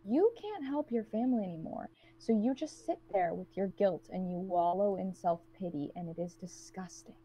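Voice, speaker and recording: A woman playing a cold, guarded woman trapped with strangers, who speaks in a blunt, cutting monotone. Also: mid-range voice, normal speed, few pauses, breathy edge.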